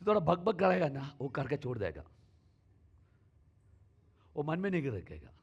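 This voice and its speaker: A male pastor preaching a sermon in a church, shifting between sudden loud calls and soft asides. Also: a little high, big pitch swings, unhurried, breathy edge, dull audio.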